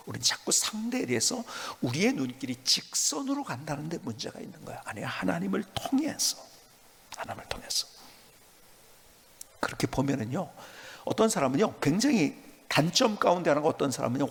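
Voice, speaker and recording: Raspy preaching man in a reverberant hall. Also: fairly high pitch. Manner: emphatic preaching, dropping to soft whispers. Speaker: pastor. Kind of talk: sermon.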